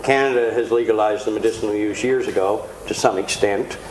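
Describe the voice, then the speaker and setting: A man's voice: on the low side, brisk. Older guy, easygoing chat, echoey studio. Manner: relaxed, chuckling, conversational. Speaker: guest. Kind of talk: TV studio interview. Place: TV studio set. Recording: roomy studio, faint noise.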